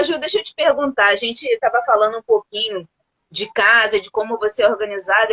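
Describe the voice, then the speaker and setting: A woman's voice: on the high side, a bit bright, low-quality recording. A woman from Brazil hosting an interview, asking questions and reacting in a thoughtful, engaged way. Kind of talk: conversational interview.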